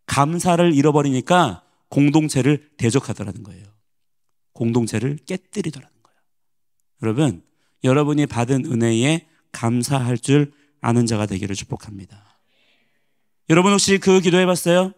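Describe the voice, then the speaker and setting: A male pastor giving a morning sermon, preaching in an animated way and putting questions to the congregation. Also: a little high.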